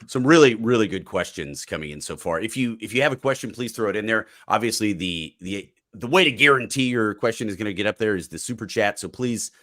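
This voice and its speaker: A man's voice: lowish voice, lively intonation, fairly quick, few pauses, fairly bright tone, no room sound, clean studio sound. A man hosting a live sports talk stream, joking casually and reading out viewer questions while fighting a cold. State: has a cold. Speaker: podcast host.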